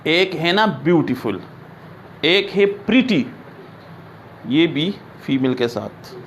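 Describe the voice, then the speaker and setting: A man teaching an English grammar lesson, reading example sentences slowly and often checking that his students understand. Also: a little high, animated, a bit bright, a little hiss or hum. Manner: explains in Urdu, reads English examples slowly.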